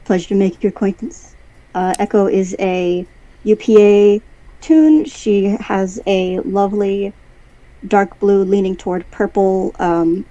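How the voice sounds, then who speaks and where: A woman player in a tabletop game, describing her character in a relaxed, friendly way. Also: mid-range voice, no room sound, poor audio.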